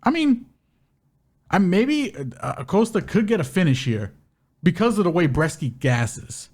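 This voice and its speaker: High-voiced man breaking down fights. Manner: animated, laughs often, quick asides. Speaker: podcast co-host. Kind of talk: casual sports betting chat.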